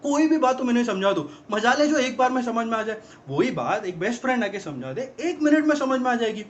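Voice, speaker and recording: A fast-ranting fed-up young guy. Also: extremely high pitch, sing-song. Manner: rapid-fire exasperated rant, mocking. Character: exasperated young man ranting about girlfriends. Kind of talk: film comedy monologue. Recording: dull lo-fi film audio.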